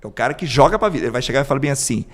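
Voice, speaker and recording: A man's voice: medium pitch, animated, very fast, long reverb tail. A man hosting a parenting podcast, speaking emphatically with frequent rhetorical questions. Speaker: psychoanalyst host. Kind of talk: podcast discussion.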